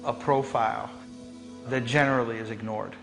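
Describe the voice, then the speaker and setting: Measured, committed program leader man. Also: medium pitch, steady tone, gravelly. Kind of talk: documentary interview. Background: soft music.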